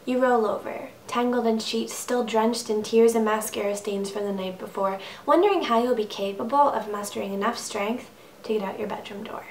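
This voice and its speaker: A young adult woman performs a slam poem in an earnest, emphatic, rhythmic style. Her voice is on the high side at a normal speed. The recording sounds roomy, with a distant mic and faint noise.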